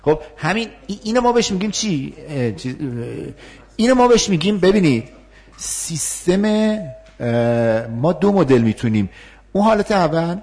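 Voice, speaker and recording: A man teaching a communication workshop, talking in a lively, questioning way with many fillers. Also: on the high side. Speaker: workshop trainer. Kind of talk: interactive communication lesson.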